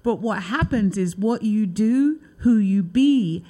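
A woman's voice: medium pitch, animated, slow pace, warm tone. A woman hosting a talk show, chatting loosely with lots of filler words. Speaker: show host. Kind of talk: casual interview chat.

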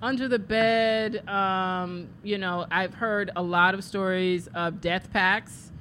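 A woman guest on a talk radio show, chatting in a relaxed, conversational way. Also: mid-range voice, slow pace, slight background noise. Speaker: guest, business founder. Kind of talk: casual radio interview.

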